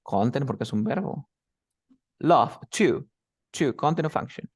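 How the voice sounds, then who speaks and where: A man's voice: medium pitch, animated, slightly rough, no room sound. Man teaching pronunciation in a dry-sounding recording. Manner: demonstrative, repeats example sentences slowly to model stress; quizzes the student with quick questions. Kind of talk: one-on-one language lesson.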